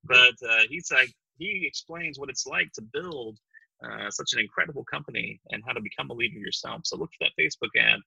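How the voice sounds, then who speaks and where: A man co-hosting a comedy podcast, riffing in a deadpan, mock-promotional way. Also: mid-range voice, fairly quick, creaky, husky, no room sound, poor audio. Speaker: podcast co-host.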